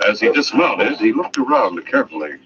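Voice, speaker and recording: An actor performing the dramatic scripted narration of an old-time radio adventure serial. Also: male voice, fairly low pitch, very animated, fairly quick. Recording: muffled, noisy old radio recording.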